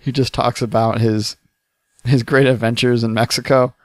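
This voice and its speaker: A man co-hosting a podcast in casual chat, riffing with quick jokes and a tired edge. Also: medium pitch, level tone, no room sound, clean studio sound. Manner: jokey, quick riffs, frequent laughs. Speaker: podcast co-host.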